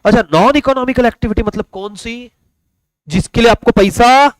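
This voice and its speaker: A man's voice: very high voice, normal speed, dry recording, low-quality recording. A young man teaching an online commerce class in a chatty, joking way, calling his students "beta". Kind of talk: casual online class lecture.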